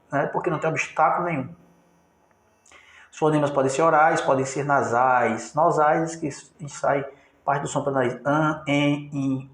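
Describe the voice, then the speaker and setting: A man's voice: a little high, roomy sound. A man from Brazil teaching a grammar review lesson, explaining step by step and often checking in with his listeners.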